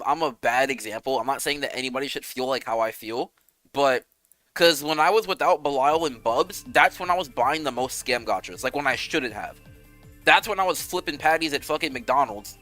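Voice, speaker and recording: A young man chatting casually with his viewers on a game stream, animated and rambling, swearing freely. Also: medium pitch, moderate pace, no echo, soft background music.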